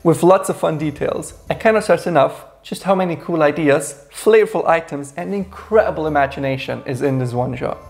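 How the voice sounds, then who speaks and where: A man's voice: a little high, a little fast, creaky, few pauses, darkish tone, faint music behind. A man in his thirties co-hosting a game review, telling the backstory with wry sarcasm in a small indoor room. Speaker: co-host reviewing a game adventure. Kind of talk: casual review chat.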